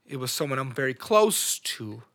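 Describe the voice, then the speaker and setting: A man hosting a podcast, talking without a plan in an emotional, halting monologue that keeps trailing off and repeating itself. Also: mid-range voice, big pitch swings, fairly bright tone. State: emotional, on the edge of tears. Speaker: podcast host. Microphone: studio microphone.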